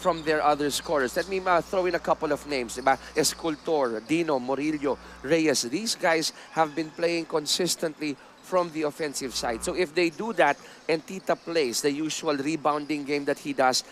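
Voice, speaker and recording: A man's voice: fairly high pitch, normal speed, fairly bright tone, slight background noise. A man with a Filipino accent giving conversational, explanatory basketball commentary as an analyst, often adding tag questions. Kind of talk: conversational pre-game commentary mixing Tagalog and English.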